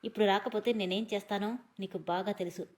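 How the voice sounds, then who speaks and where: A woman's voice: medium pitch, steady tone, fast, a little mellow, lightly acted. A woman voicing a firm young businessman who gives curt orders in a storybook reading. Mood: commanding. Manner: curt, bossy.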